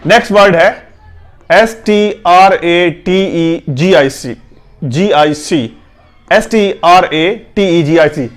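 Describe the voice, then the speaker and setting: A young man teaching pronunciation, with a voice set a little higher than most men's. He spells each word out letter by letter and repeats it slowly and patiently, correcting the usual mistakes. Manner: patient, corrective, often says "theek hai". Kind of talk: instructional video lesson.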